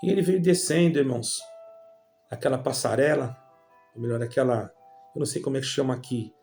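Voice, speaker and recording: A man's voice: mid-range voice, fairly quick, vocal fry, a little mellow, faint music behind. A Brazilian man with a Brazilian Portuguese accent telling a religious personal testimony, calling his listeners brothers in a rambling storytelling way. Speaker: church member giving testimony.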